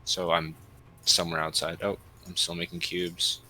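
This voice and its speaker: A man's voice: deep voice, very animated, moderate pace, pushed and bright, slight background noise, rough recording. A man chatting casually as a player in a tabletop game.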